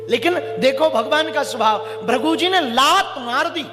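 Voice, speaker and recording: High, bright-voiced preacher in an echoey hall. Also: male voice, measured pace. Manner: animated, dramatizes dialogue, calls on the audience to repeat. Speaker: religious preacher. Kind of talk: devotional sermon with storytelling. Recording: echoey hall with faint music.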